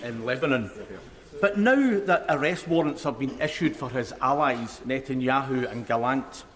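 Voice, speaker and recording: A man's voice: medium pitch, animated, moderate pace, fairly bright tone, a little hiss or hum. Scottish man speaking formally in reverberant hall. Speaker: member of parliament. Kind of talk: formal prepared parliamentary question. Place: large debating chamber.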